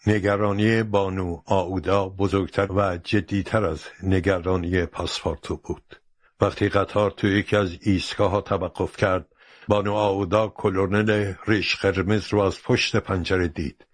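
A man narrating a storybook in a steady, measured way. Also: sits low, no echo, clean studio sound.

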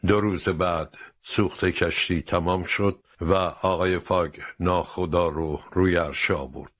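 Deep-voiced man narrating a storybook. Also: fairly even intonation, fairly bright tone, no echo.

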